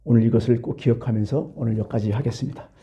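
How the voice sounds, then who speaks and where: A man's voice: medium pitch, fairly even intonation, quick pace, dark tone. A middle-aged male pastor giving a sermon in a colloquial, storytelling way, full of rhetorical questions.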